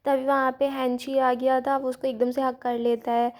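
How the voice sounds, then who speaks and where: A woman with a notably high voice tells a TV drama's story in a relaxed, conversational recap. She voices the characters' lines lightly in her own tone rather than acting them out, and mixes English words into her speech. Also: normal speed. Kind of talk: casual spoken story recap.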